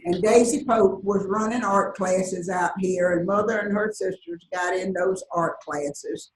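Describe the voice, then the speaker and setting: A woman's voice: medium pitch, measured pace. An older woman with a Southern US accent telling folksy stories to an audience and laughing often. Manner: folksy storytelling, frequent laughs. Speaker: guest speaker. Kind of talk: anecdotal talk to an audience. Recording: roomy echo, distant mic, faint hiss.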